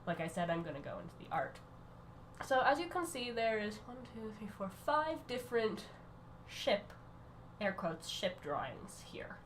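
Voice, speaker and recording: A woman who is sick, giving a casual rambling voice-over that keeps breaking off and restarting in quick bursts. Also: mid-range voice, big pitch swings, a little hiss or hum. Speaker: art channel creator.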